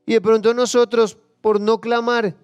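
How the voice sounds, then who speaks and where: Passionate preacher with a high, smooth voice. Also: male voice, flat delivery, moderate pace, highs cut off, faint music behind. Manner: passionate, swings from hushed asides to loud acted cries; acts out biblical figures and prayers in quoted voices. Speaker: pastor. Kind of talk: sermon.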